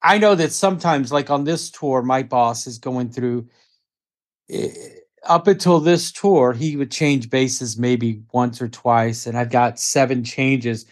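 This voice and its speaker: A man's voice: medium pitch, a little slow. A man with an ordinary mid-range voice hosts a casual podcast. He talks in a loose, friendly way, leaning on fillers as he shares stories. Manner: relaxed and friendly, with many fillers like "you know". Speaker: podcast host.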